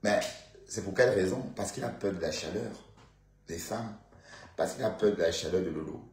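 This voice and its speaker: A man with a Bandundu Congolese French accent rambles through casual gossip on a live stream, peppering it with fillers and asides to his viewers. His voice sits low. The room around him is echoey. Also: normal speed, a little mellow.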